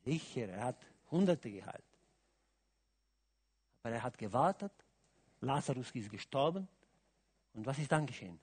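A man preaching a sermon, asking his listeners questions and swinging from quiet musing to loud, emphatic calls. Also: medium pitch, expressive, moderate pace, long pauses, breathy edge. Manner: asks the audience questions, adds "oder?" often.

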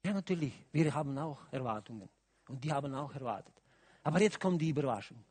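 A man preaching a sermon, asking his listeners questions and swinging from quiet musing to loud, emphatic calls. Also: mid-range voice, lively intonation, quick pace, breathy edge. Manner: asks the audience questions, adds "oder?" often.

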